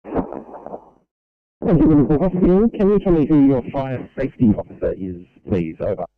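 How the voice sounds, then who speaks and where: A man's voice: medium pitch, very animated, normal speed. A man working as a radio check operator, speaking in procedural two-way radio exchanges over a narrow, tinny transmission.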